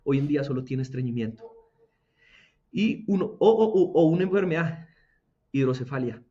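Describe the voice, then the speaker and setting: A young man giving an earnest, halting faith testimony, often repeating words as he goes. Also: medium pitch, expressive, mellow, highs cut off. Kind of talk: emotional personal testimony.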